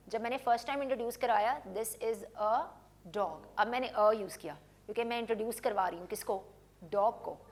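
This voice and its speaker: A woman teaching English grammar on television. She explains patiently, mixes Urdu with English phrases, asks rhetorical questions, and slows down on her English examples. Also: on the high side. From Pakistan.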